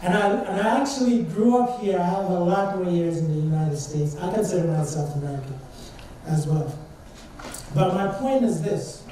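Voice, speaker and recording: In a church sanctuary, a young Trinidadian man preaches as a student speaker, keeping the sermon informal, earnest and conversational while asking the congregation questions. He has a high, mellow voice and a moderate pace, captured from a distance in a very echoey hall with faint noise.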